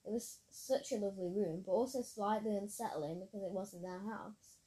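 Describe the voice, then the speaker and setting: A woman's voice: mid-range voice, moderate pace, warm tone, low-quality recording. A woman reading her own story aloud in a plain storytelling manner, with occasional slips. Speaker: narrator.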